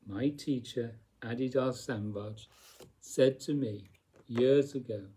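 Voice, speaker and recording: A man giving a slow, reflective spiritual talk, speaking deliberately with long pauses and repeated phrases. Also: medium pitch, dark tone, slight background noise. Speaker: spiritual teacher.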